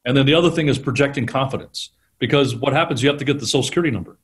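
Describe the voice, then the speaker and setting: A middle-aged man, a guest on an interview show, telling animated stories about selling and laughing often. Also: mid-range voice, racing. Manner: animated storyteller, acts out quotes, laughs often. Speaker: guest, sales trainer. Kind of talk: conversational storytelling interview.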